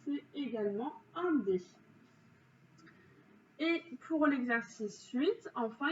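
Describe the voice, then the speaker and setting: A slightly high-voiced woman teacher corrects spelling exercises for her pupils, explaining each answer slowly and patiently. She pauses often and fills the gaps with "donc" and "euh." The recording sounds dull, roomy and distant, with a faint hiss.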